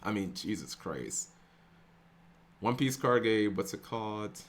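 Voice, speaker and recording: A man's voice: on the low side, expressive, slow. A young man streaming, ranting casually to his live chat with lots of restarts and some swearing.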